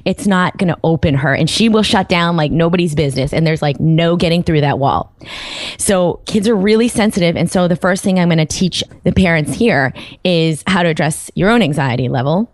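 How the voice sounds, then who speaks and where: A woman who is an osteopathic physician, explaining as an interview guest in an earnest, animated way. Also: on the low side, moderate pace, dry recording, clean studio sound. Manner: animated, earnest, drops into quoted voices.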